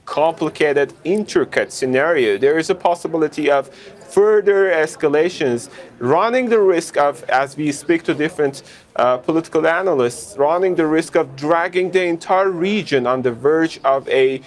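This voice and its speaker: A male news correspondent gives an unscripted live report in a somewhat high voice. He is wordy and halting, often rephrasing his points as he goes.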